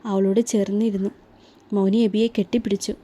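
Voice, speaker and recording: A woman reads a romantic serial story aloud in a calm, even narrating voice. Her tone is mellow and warm, with a middle pitch for a woman and a steady, unhurried flow. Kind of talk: scripted narration.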